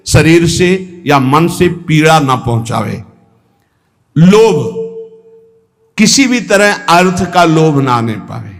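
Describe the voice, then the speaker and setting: A man giving a devotional discourse as a spiritual teacher, slow and measured, drawing out and half-singing the verses he quotes. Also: a little high, big-room sound.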